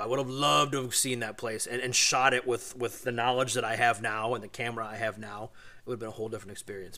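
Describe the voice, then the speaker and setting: A man's voice: medium pitch, a bit bright. A man in his forties hosting a podcast, telling a road story in a rambling, chatty way with lots of asides. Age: 40s. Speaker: podcast host. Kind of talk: casual storytelling.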